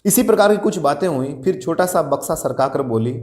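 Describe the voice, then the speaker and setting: A male college teacher reads a story passage, then rephrases it in simpler words and puts rhetorical questions to his students. His voice sits fairly high. The room around him echoes. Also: expressive, fairly quick, a little mellow. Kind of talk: reading and explaining a Hindi story.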